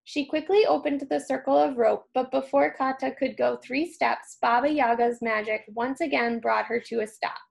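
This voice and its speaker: A woman reading a children's storybook aloud, telling it expressively as a childcare staff member. Her voice sits a bit high and carries a strong gravelly crackle. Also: steady tone, moderate pace, few pauses.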